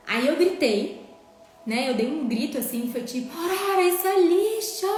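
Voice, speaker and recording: A woman teaching a live online parenting class in an earnest, emphatic way, often checking in with her listeners. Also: high-pitched. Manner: earnest, emphatic, tags lines with "né?". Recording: very echoey room, faint music.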